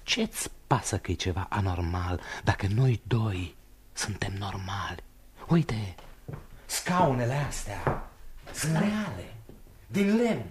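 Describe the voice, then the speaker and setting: Man playing a lively, blunt young pal, loud and emphatic, faint hiss, radio play. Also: mid-range voice, natural voice. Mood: brusque. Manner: emphatic, shouting at times. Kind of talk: radio drama acting.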